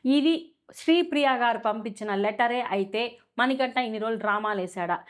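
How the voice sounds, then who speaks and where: A woman's voice: fairly high pitch, moderate pace. A woman giving a casual, opinionated review of a reality show, full of fillers and rhetorical questions.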